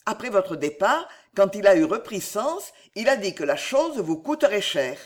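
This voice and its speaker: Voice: mid-range voice, big pitch swings, moderate pace, lightly acted. An audiobook narrator voicing a flustered male innkeeper who keeps pressing anxious objections. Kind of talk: audiobook character reading.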